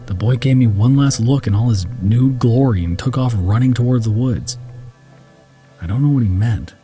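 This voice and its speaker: A man reading a first-person horror story as narrator, slow and dramatic, dropping to a hushed whisper at tense moments. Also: medium pitch, faint music behind.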